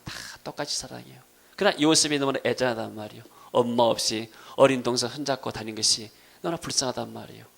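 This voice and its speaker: A male pastor preaching a sermon, swinging from loud calls to quiet asides and calling out hallelujah. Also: mid-range voice, creaky. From Korea.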